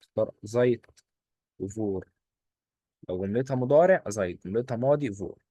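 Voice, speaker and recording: A man with an Egyptian Arabic accent teaching a German exam-prep lesson, quizzing and answering his own questions in quick drills. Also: fairly low pitch, lively intonation, dark tone, no room sound. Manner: coaxing, repeats rules in quick drills.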